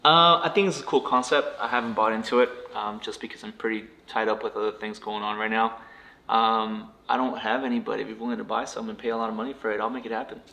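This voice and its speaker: A man answering interview questions as a guest in a laid-back, brief, halting way. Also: on the low side, steady tone, bright, forceful tone. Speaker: guest, rental property investor.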